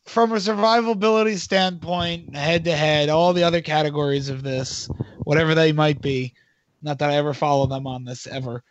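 A man's voice: fairly high pitch, steady tone, moderate pace, no echo. Man, podcast co-host, dropping remote call audio, muffled, dry sound. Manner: joking, swears freely. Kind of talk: casual chat.

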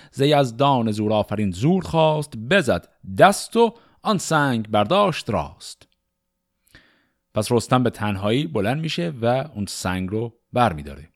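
A middle-aged man telling an epic tale, reciting verse in a measured way and explaining it in relaxed asides. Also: medium pitch. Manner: measured declamation, then relaxed conversational asides. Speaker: storyteller.

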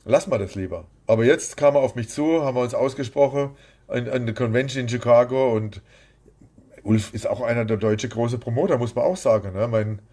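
Speaking briskly in a mellow, mid-range voice, a boxing promoter rambles and talks bluntly while being interviewed as a guest in a casual setting.

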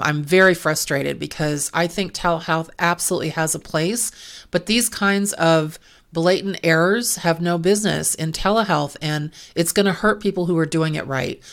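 A woman's voice: low voice, vocal fry. A woman auditor talking through healthcare billing and compliance rules, frank and openly exasperated in her asides. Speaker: medical coding and compliance auditor.

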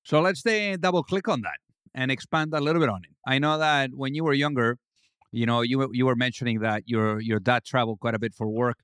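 A man's voice: medium pitch, fairly quick, a bit bright, clear, resonant tone, dry recording, clean studio sound. A man hosting an interview podcast, reading an ad and welcoming his guest with upbeat enthusiasm. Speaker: podcast host.

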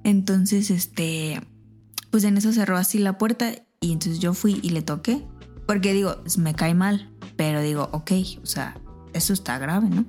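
A woman's voice: on the low side, measured pace, soft background music. A woman with a Mexican accent, casually telling an anecdote on a podcast and acting out the voices in it. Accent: Mexican Spanish. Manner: animated, acts out voices in her anecdote. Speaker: podcast co-host. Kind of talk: casual storytelling chat.

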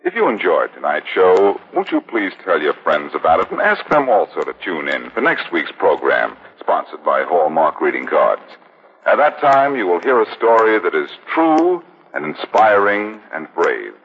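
A man's voice: low-pitched, wildly swooping pitch, normal speed, breathy edge. An American man hosting a scripted 1940s radio program in the formal, courteous manner of an old radio announcer. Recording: dull, muffled vintage radio broadcast.

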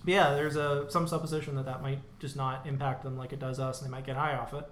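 A man's voice: medium pitch, flat delivery, fairly bright tone, reverberant. A man chatting casually on a podcast, swearing and rambling through half-remembered facts, with a chesty cough. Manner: quick, profane, speculative rambling. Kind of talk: casual chat.

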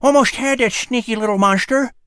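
A man's voice: very high voice, fairly quick, fairly bright tone, clean tone, no room sound, pitched above the performer's own voice. A man voicing an eager young male flying squirrel who talks with a whistling lisp through his buck teeth. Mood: excited chatter. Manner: eager, chatty, boastful.

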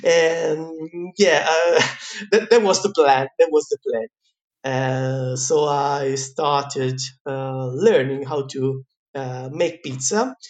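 A man's voice: on the high side, takes it slowly. Italian accent guy, chatty interview guest, lots of ums and laughs. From Italy. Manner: chatty, laughs often, many fillers. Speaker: guest, pizza teacher. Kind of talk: casual interview storytelling.

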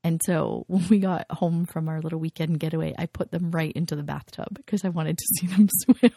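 Woman co-host, casual podcast chat. Gravelly, mellow, giggles a lot, dry room. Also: low voice, fairly even intonation, brisk, no echo. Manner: giggly, gushing, rambling.

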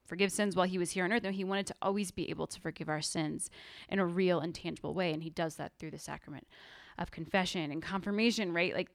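A woman's voice: on the low side, fairly even intonation, fast, creaky, dry recording. A woman co-hosting a casual faith podcast, talking earnestly with lots of "like" fillers. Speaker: podcast co-host.

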